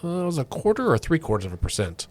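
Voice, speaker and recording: A man's voice: fairly high pitch, wildly swooping pitch, fast. A man co-hosting a political podcast, talking casually with lots of fillers and restarts. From Oklahoma. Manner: conversational, many fillers and restarts. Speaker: podcast co-host.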